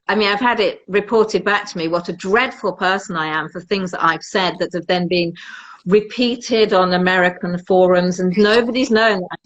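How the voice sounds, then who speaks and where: A woman's voice: medium pitch, a bit bright, dull audio. Jokey, chatty woman. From Britain. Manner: chatty, self-mocking, jokey storytelling. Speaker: perfumer, guest. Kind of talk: casual interview chat.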